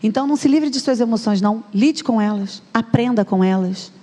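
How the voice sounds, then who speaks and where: A woman's voice: on the high side, brisk, dark tone. Chatty Brazilian woman in a reverberant church. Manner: chatty, addresses the audience directly. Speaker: psychologist speaker at a church conference. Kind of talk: conference talk in church. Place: church hall. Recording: long reverb of a church hall.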